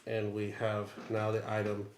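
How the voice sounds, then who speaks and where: A man's voice: on the low side, completely flat delivery, moderate pace. A man chairing a formal board meeting, moving through procedure in a businesslike way. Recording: echoey meeting room with clear background noise.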